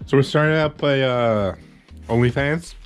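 A man in his thirties from Newfoundland, Canada hosts a casual shop vlog in a small garage workshop, full of laid-back, joking banter. His voice is medium-pitched at normal speed, with faint music behind.

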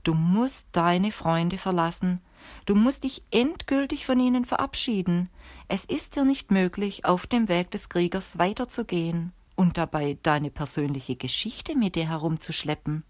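A woman reading the lines of a calm, stern old male sorcerer teacher in a measured, instructive way for an audiobook. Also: on the low side, no echo, clean studio sound, close to an everyday voice.

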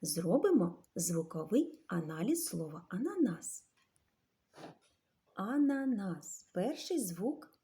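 A woman leads young children through a literacy lesson. She talks slowly and sounds words out syllable by syllable. Her pitch swings up and down in a lively, animated way. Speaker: teacher.

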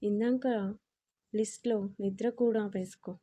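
A woman's voice: mid-range voice, fairly even intonation, measured pace, warm tone, close to an everyday voice. A woman voicing a playful young man who teases his girlfriend in an audio story, her speech bantering and affectionate. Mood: teasing. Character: teasing playful young man, college-aged lover. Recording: dull lo-fi audio.

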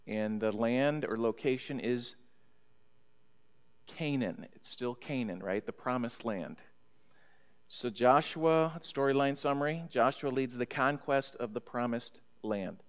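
Taking it slowly with long pauses, a middle-aged American pastor teaches Bible study at a church pulpit, reading scripture aloud and checking in with those listening in a teacherly manner. His medium-pitched voice is clear and resonant. The sound comes via a stand mic on the pulpit and a far camera, with long church reverb.

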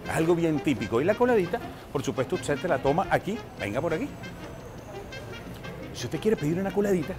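Playful middle-aged male host over loud music. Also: fairly high pitch. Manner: playful, flirtatious, addresses viewers directly. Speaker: travel show host. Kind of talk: lively on-location presenting. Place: outdoor marketplace and open-air bar.

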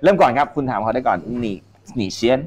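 A young man hosting a live-stream guessing game, relaying each line between two languages with an animated, laughing manner. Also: medium pitch, fast. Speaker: live-stream host and interpreter.

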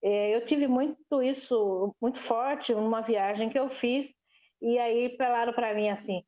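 A woman from Sorocaba with a sing-song São Paulo interior caipira accent, her voice pitched fairly high yet mellow and soft in tone. She talks freely in an interview, animated, stumbling through fillers and restarts as she thinks aloud. The recording sounds dull and lo-fi. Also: a little slow. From Sorocaba, São Paulo state, Brazil. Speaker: historian interviewee. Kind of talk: casual interview.

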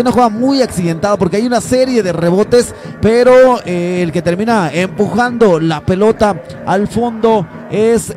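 A man works as football co-commentator. He explains the play in long, run-on sentences, with music clearly heard behind him. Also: high voice, a little mellow. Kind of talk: match analysis commentary.

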